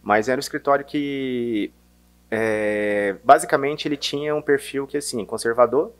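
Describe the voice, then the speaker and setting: A man from Minas Gerais with a softened Mineiro accent, talking casually as a sales guest, hesitant with many restarts and fillers. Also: mid-range voice. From Minas Gerais, Brazil. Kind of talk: casual interview chat.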